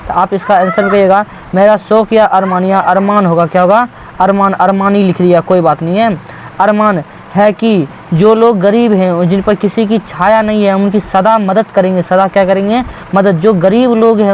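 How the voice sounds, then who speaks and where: A man's voice: sits high, a little mellow, a little hiss or hum, rough recording. A man from India teaching a textbook lesson, repeating key words and asking the class rhetorical questions.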